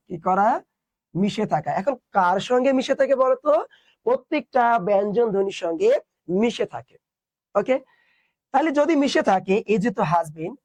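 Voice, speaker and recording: A man's voice: high voice, a little mellow, no room sound. A young man teaching an online class, explaining step by step and asking his students questions.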